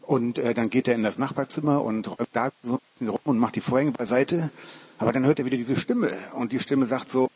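A man's voice: mid-range voice, quick pace, darkish tone, slightly rough. A man, a Bible college lecturer, giving a casual, joking sermon to a youth group. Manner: chatty, informal, joking, says "cool" often.

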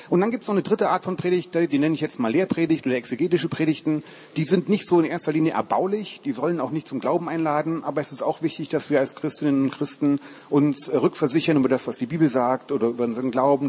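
A man delivers a relaxed, chatty sermon as a guest preacher, slipping in jokes and calling things cool. His voice is husky and mid-pitched. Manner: chatty, informal, joking, says "cool" often. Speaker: Bible college lecturer and guest preacher.

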